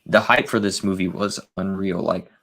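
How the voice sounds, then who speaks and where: A man with a low, gravelly voice joins as a guest movie reviewer. He talks eagerly and excitably in an easy, casual way, leaning into his enthusiasm. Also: moderate pace. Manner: eager and excitable about films. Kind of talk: casual chat.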